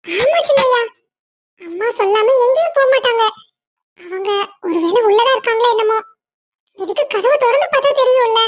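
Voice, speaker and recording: A woman's voice: very high-pitched, expressive, normal speed, pauses often, a little hiss or hum. A woman voicing an eager, dutiful young servant in a cartoon story, speaking in a deferential way.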